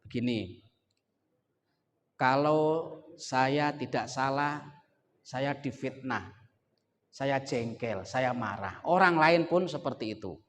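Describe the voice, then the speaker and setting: In an echoey hall with faint background noise, a Javanese-accented Islamic preacher gives a sermon featuring a funny story, joking with the crowd and hammering key words through repetition. His mid-range voice has a fairly bright tone, and he talks slowly with long pauses.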